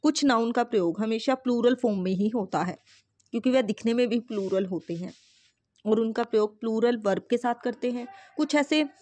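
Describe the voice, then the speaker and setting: A woman with a fairly high voice teaching English grammar in Hindi. She explains step by step, asks questions and answers them herself, and reads the English example sentences out slowly. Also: darkish tone.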